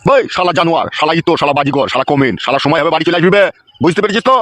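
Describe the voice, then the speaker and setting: A man's voice: a little high, animated, very fast, a bit bright, dry recording. A man voicing an exasperated old cartoon father who rants and swears at his son-in-law. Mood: ranting. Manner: ranting, swearing.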